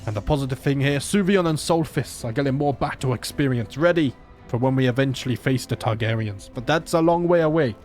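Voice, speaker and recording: Soft music plays behind a man with a mid-range, slightly mellow voice who talks briskly. He hosts a gaming channel and, with a sore throat, casually jokes and thinks aloud through a let's play of a strategy game.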